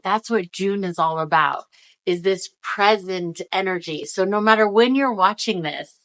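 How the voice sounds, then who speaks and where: A woman's voice: mid-range voice, a bit bright, low-quality recording. Woman talking out of the mouth's corner, numb-lipped. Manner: encouraging, emphatic. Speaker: spiritual energy-reading video host. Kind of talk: casual motivational talk to viewers.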